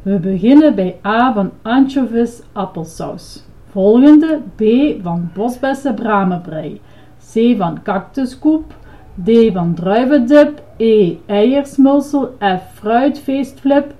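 A woman's voice: fairly high pitch, lively intonation, slow pace, mellow, low-quality recording. Grover, a woman doing a proud chanting ice cream monster. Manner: proud, chanting, eager to please. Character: cheerful blue male monster ice cream seller.

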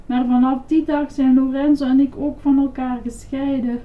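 Expressive woman reading a children's story. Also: sits high, normal speed, phone-quality sound.

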